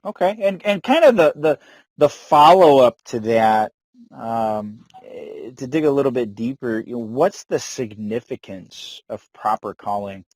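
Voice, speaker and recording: Male host, medium pitch, casual interviewer, dry recording without room sound. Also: lively intonation, a little slow, a little mellow, no room sound.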